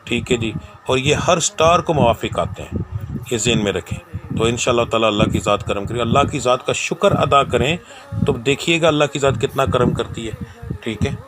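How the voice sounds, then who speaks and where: A man hosting a spiritual advice channel, giving earnest, preachy religious guidance to viewers and often pausing to check in with "okay". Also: mid-range voice. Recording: clear background noise.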